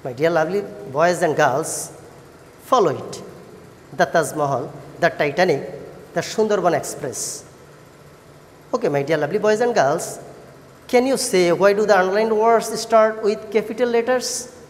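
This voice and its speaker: A woman with a Bangladeshi accent teaching an English lesson to children, encouraging and praising like a kids show host, with deliberate sing-song questions. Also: lowish voice, slight background noise. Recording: echoey hall-like reverb.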